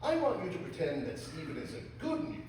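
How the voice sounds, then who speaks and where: A man's voice: high-pitched, big pitch swings, quick pace, a little mellow, a little hiss or hum. A man playing a bossy, exasperated therapist in a comedy sketch, recorded from far off in an echoey hall.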